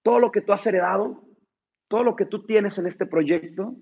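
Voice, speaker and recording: A man's voice: high-pitched, moderate pace, creaky, a little mellow, breathy edge, dull audio. A man giving an emphatic, repetitive motivational talk to a team and telling a story. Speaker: motivational speaker addressing a team.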